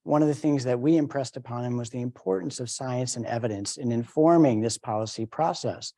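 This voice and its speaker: A male moderator guides a conference panel in a fluent, even manner. His voice is warm and mellow at a middle pitch. He thanks speakers and hands the floor on. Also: brisk.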